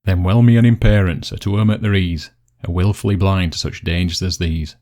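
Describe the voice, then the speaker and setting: A man's voice: low-pitched, steady tone, normal speed, dark tone. A man with a West Yorkshire accent presenting and reciting dialect poetry.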